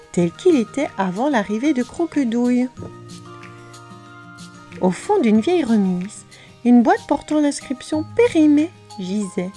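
A woman narrating a children's storybook in an expressive, lively manner. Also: on the high side.

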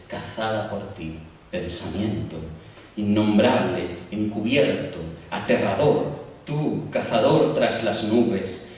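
A man reciting a poem in the voice of an anguished mythic woman lamenting a cruel god, shifting hushed lines to loud cries. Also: lowish voice. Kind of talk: dramatic poetry recitation. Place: large university hall. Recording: echoey hall, distant mic, faint hiss.

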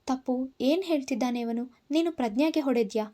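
A woman's voice: high-pitched, brisk, dark tone, lightly acted. A woman voicing a worried middle-aged mother who asks anxious questions, in a storybook reading.

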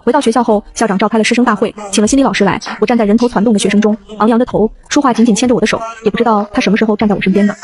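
Female narrator for a novel recap, brisk steady read, very fast, a touch high. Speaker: story narrator. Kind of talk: scripted web novel narration.

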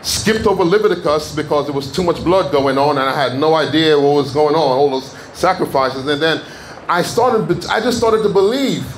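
A man from Jamaica preaching in a church, giving a fervent testimony that builds to shouted declarations. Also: a little high, moderate pace, a little hiss or hum. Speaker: guest preacher. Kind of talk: sermon testimony. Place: church sanctuary.

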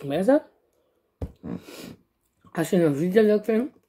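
A woman's voice: medium pitch, big pitch swings, takes it slowly, warm tone, husky. Fields: woman, fingers in mouth, Afrikaans accent. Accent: Afrikaans-tinged. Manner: chatty, eats and talks, addresses viewers. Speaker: mukbang vlogger. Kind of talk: casual eating vlog chat.

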